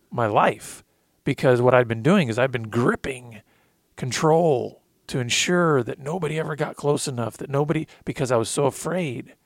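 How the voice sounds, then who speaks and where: A man's voice: medium pitch, vocal fry, dry recording. Earnest man sharing faith testimony. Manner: earnest, emotional, quotes scripture. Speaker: podcast co-host sharing recovery testimony. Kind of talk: faith-based conversational talk.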